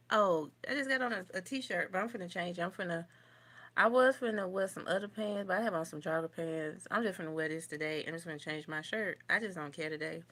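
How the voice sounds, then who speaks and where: A woman's voice: fairly low pitch, a bit bright. A young woman, chatting casually on a makeup livestream and answering viewer comments as she goes. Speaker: beauty vlogger doing a livestream. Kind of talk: casual livestream chat while doing makeup. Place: home, indoors.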